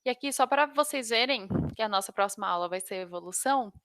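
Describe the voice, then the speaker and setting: A Brazilian woman with a bright, fairly high voice gives an informal lesson as a teacher. She has a slight lisp and trips over technical words. The sound is close and dry. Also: expressive, quick pace, no echo. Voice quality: slight lisp, tongue-tied. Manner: stumbles over technical terms. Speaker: biology teacher. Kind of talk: informal lesson for exam students.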